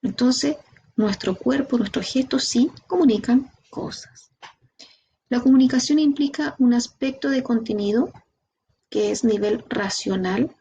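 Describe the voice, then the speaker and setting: A woman with a Chilean Spanish accent giving a training lecture, lively, asking her students rhetorical questions. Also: on the high side, slight background noise. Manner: lively, talks to the class directly with rhetorical questions. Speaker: instructor.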